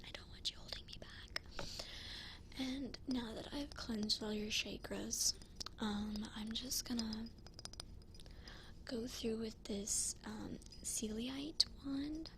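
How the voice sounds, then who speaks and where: A woman doing a fast-whispered ASMR role-play as a flaky, self-assured psychic, rambling in a breezy, informal way. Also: fairly high pitch, steady tone, background noise. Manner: rambling, breezy, informal filler-heavy talk. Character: flaky, self-assured female psychic giving a cleansing session.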